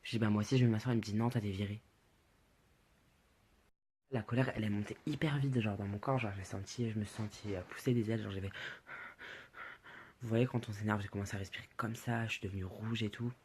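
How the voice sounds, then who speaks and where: A man's voice: fairly low pitch, fairly even intonation, quick pace, slight background noise. A teenage boy casually telling rambling school stories to his social media followers, full of fillers and asides.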